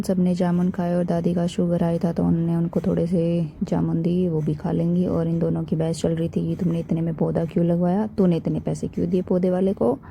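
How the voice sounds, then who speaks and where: A woman's voice: lowish voice, vocal fry, dark tone, a little hiss or hum, low-quality recording. A woman narrating her family's day in a chatty, amused voice-over for her vlog, laughing often. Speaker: vlogger narrating family clips.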